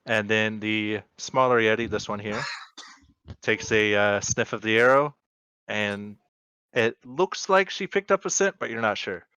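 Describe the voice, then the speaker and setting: A man running an online tabletop game as game master, talking through the scene in an easygoing way. His voice is bright and clean over a computer mic, with no room sound at all. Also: on the low side, measured pace, smooth, no echo, low-quality recording. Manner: easygoing, with frequent fillers.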